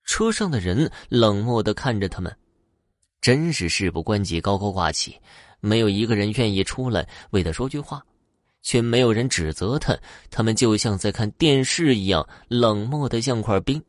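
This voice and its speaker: A man narrating a scripted ghost story in an expressive, dramatic way. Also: on the low side, normal speed, dry recording, studio quality.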